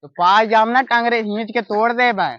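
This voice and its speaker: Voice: medium pitch, steady tone, moderate pace, close to an everyday voice. A performer with an Awadhi accent playing an exasperated, bossy and wheedling village mango thief in an amateur comedy sketch, repeating commands insistently. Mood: angry, pleading. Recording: muffled lo-fi audio with faint noise.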